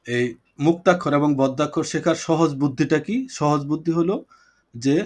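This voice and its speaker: A man teaching a poetry class over a video call, explaining points patiently, repeating them and asking his students questions. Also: on the high side. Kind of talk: online class lecture.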